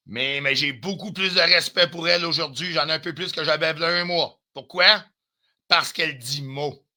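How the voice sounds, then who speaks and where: A man's voice: on the high side, bright, forceful tone. Heated Quebec French man ranting live. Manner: confrontational, heated, swears often, drops in English phrases. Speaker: livestreamer.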